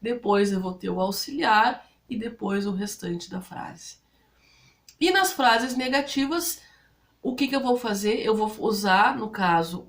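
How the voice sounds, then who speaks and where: Patient Brazilian woman teaching English grammar. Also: on the high side. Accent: Brazilian Portuguese. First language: Portuguese. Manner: patient, step-by-step, checks in with "tá?" and "né?". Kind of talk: explaining grammar to students.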